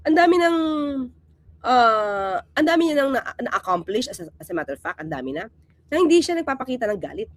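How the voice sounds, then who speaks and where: A woman with a slightly high voice and fairly quick delivery hosts a casual political commentary vlog. She's animated and emphatic, veering between loud and quiet, and she keeps putting the rhetorical "di ba?" to her audience.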